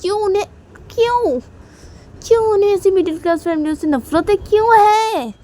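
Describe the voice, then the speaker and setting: Emotional young woman in love, high and pleading, voiced by a woman storyteller. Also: normal speed, mellow. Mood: upset questioning. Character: young woman in love, upset about her mother. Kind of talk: storytelling with acted dialogue.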